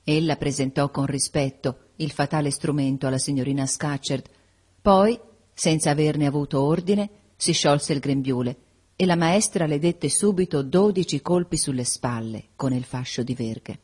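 Low, husky woman reading a novel. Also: moderate pace, darkish tone. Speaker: audiobook narrator. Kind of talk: audiobook narration of a classic novel.

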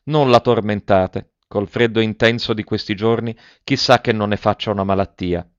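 A man reading aloud voices a frail, feverish elderly wife who pleads softly with her husband. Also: fairly low pitch, fairly even intonation, moderate pace, no room sound, lightly acted. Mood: pleading. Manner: soft, pleading, timid. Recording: dull dry lo-fi recording.

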